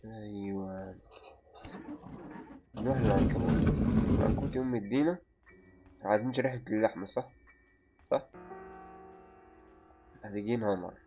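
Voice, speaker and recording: Egyptian man, lowish voice, running let's-play chatter with sudden yelps, muffled lo-fi sound. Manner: mutters to himself, bursts into yelps when startled. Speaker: gaming channel host. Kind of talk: live let's-play commentary. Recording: muffled lo-fi recording with faint game music.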